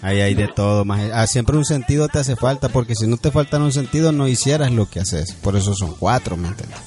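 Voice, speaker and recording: A Salvadoran man with an average-pitched voice, riffing in crude slang and mocking jokes. Faint music sits under his talk. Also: lively intonation, fairly quick, a little mellow. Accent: Salvadoran Spanish. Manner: profane, joking commentary. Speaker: podcast co-host. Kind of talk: crude casual banter.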